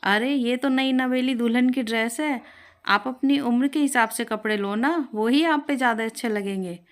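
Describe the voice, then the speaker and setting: A woman's voice: fairly high pitch, normal speed, close to an everyday voice. A woman voicing a blunt male dress shopkeeper who speaks plainly and matter-of-factly.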